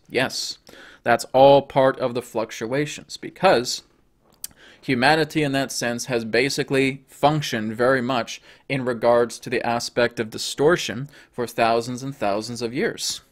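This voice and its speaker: A hoarse man voicing a channeled spirit guide entity that speaks as "we" in a slow, emphatic, sermon-like cadence. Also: medium pitch, steady tone, lightly acted. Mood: lecturing.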